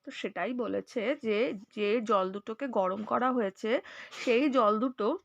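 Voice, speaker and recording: Soft-spoken Bengali woman teaching science. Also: fairly high pitch, measured pace, gravelly, lo-fi sound. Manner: reads questions aloud, then explains step by step with checking questions. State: slightly unwell, speaking softly. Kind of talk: explaining a science lesson.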